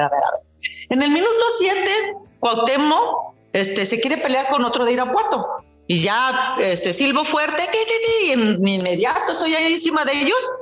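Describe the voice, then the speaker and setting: A middle-aged woman with a Mexican Spanish accent, a guest telling her story in a casual interview, lively and boastful, acting out what others said. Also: high-pitched, roomy sound. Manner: lively, boastful storyteller who acts out quoted dialogue.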